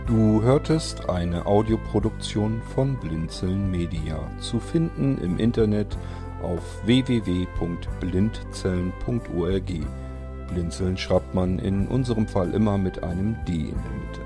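Brief: male announcer, lowish voice, outro read over loud music. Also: measured pace.

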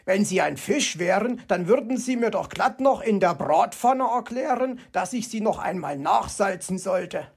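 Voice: medium pitch, expressive, moderate pace, hardly any pauses, darkish tone, breathy edge, pitched above the performer's own voice. Reader doing a cheeky teasing fox. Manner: teasing, laughs at others. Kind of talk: storybook reading.

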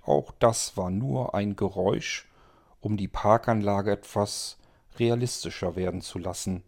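A man narrating a science-fiction audiobook in the first person, with measured storytelling. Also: lowish voice, vocal fry, a little mellow.

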